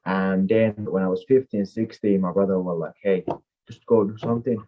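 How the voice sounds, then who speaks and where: A man's voice: sits low, steady tone, normal speed, muffled recording. A man in his twenties, raised in Finland and a native Finnish speaker, giving rambling, filler-heavy answers as a fighter in an interview. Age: 20s. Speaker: MMA fighter guest.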